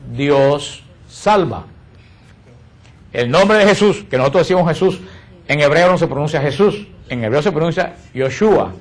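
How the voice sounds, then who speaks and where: High-voiced man teaching the faith. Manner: asks the audience questions and answers them himself. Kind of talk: catechesis talk.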